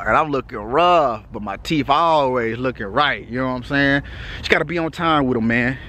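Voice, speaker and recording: A man's voice: mid-range voice, moderate pace, sharp tone. A man from Texas with a Texas accent, talking casually to his viewers outdoors at night in a loose, laid-back way, with lots of "you know what I'm saying.". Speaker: vlogger. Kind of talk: casual vlog update.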